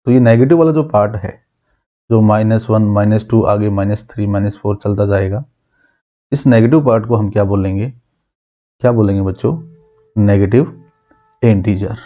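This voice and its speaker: A male math teacher giving a classroom lesson, asking his students questions and answering them himself, repeating key terms slowly. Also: lowish voice, mellow, muffled recording.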